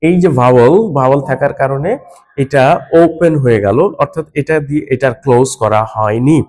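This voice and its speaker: A man gives a phonics lesson. His voice sits at an ordinary middle pitch, and he explains patiently, spelling words out letter by letter. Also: brisk, darkish tone. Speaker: English teacher.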